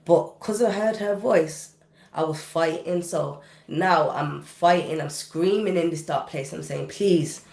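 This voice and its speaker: A deep, darkish voice with vocal fry, going a little slow, belongs to a British woman who is a guest recording artist on a podcast. She retells a personal story vividly and intensely in a casual way, with casual dialect grammar. The sound is roomy.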